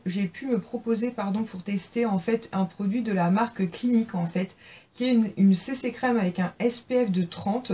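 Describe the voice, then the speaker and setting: A young woman in a casual haul video, chatting warmly about gifts, with many fillers and restarts. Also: mid-range voice, slightly rough. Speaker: beauty vlogger.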